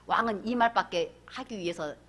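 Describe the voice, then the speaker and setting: A woman pastor delivering a sermon in an animated way, acting out characters and asking the congregation questions. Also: mid-range voice, normal speed.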